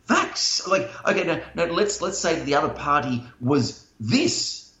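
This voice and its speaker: A man's voice: fairly high pitch, expressive, normal speed, fairly bright tone. A man chatting casually as a podcast co-host, informal and matey with blunt slang. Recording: echoey room, dull lo-fi sound.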